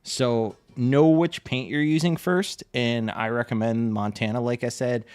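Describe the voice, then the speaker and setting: This man's voice is medium in pitch, darkish, clear and resonant, with fairly even intonation and a measured pace. He's live-streaming his art, chatting easily and wandering through answers to viewers' questions in a laid-back manner.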